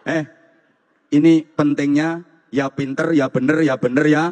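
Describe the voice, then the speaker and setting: A man with a Javanese accent preaches a humorous sermon, teasing the crowd and hammering phrases in playful repetition. His voice sits a little high for a man, and it rings with the long reverb of a large hall. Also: steady tone, a little slow, darkish tone. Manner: jokey, repetitive rhythmic phrasing, teasing the audience.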